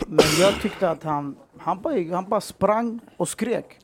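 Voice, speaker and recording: A man co-hosting a podcast, asking the guest relaxed follow-up questions in casual chat. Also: high-pitched, breathy edge. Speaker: podcast co-host.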